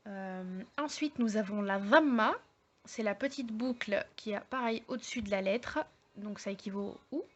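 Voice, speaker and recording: A woman teaching an online language lesson, explaining slowly step by step with many hesitations and fillers. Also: a little high, highs cut off. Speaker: Arabic teacher.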